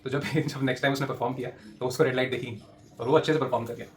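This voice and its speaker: A man in his thirties speaks at a quick, tumbling pace, mid-pitched and conversational. He shares tips with aspiring actors in a loose, animated coaching chat, full of fillers. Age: 30s. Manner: fast, chatty, animated storytelling with frequent fillers and laughs. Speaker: TV actor giving acting tips. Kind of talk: casual advice talk to aspiring actors.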